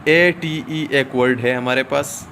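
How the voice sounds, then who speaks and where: A man teaching a recorded shorthand lesson, explaining step by step with drawn-out "aa" fillers and frequent checks like "okay?". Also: mid-range voice, fairly even intonation, sharp tone, slight background noise.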